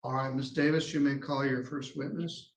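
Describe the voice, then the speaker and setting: Formal judge in an echoey courtroom. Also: male voice, medium pitch, little pitch movement. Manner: formal, measured legal phrasing. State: losing his voice. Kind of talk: courtroom proceedings.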